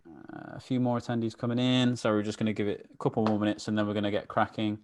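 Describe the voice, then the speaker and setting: A man with a fairly low voice talks fast and flatly as he hosts a live online meetup. He chats casually, uses plenty of fillers, and greets viewers by name over a video call.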